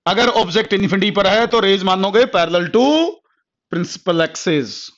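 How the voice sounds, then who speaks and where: A man teaching a physics class at a board. He repeats key terms over and over, dictates notes slowly word by word, and calls his students "beta" and "bhai". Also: high voice, expressive, a bit bright. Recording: dull lo-fi classroom recording.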